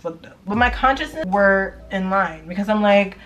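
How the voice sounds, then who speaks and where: A woman's voice: mid-range voice, animated, moderate pace, fairly bright tone, lo-fi sound. Chatty young woman telling a story. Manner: chatty, filler-heavy, candid with swearing. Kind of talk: casual story time. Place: at home. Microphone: camera mic.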